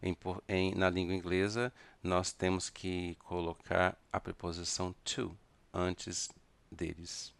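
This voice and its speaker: A man with a Brazilian Portuguese accent teaching an English grammar lesson, speaking deliberately and spelling words out letter by letter. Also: deep voice, completely flat delivery, gravelly.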